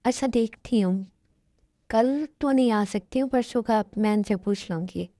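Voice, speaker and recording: A woman voicing a gentle, hurt young wife who pleads softly, in a fan dub. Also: on the high side, measured pace, no room sound, studio quality. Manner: soft, pleading.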